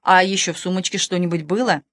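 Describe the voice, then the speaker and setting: A woman's voice: fairly low pitch, steady tone, quick pace, no room sound, lightly acted. A timid young male detective, red-haired and sweating, as a woman reader puts him on, who stammers out his bewildered questions. His voice is lifted a little above the reader's own. The recording is dry and close.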